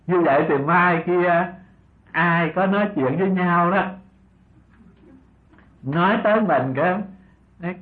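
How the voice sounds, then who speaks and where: An older man giving an unhurried Buddhist sermon as a monk teacher, often asking his listeners rhetorical questions and chuckling softly. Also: high-pitched. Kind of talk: dharma talk sermon. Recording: tinny lo-fi old recording.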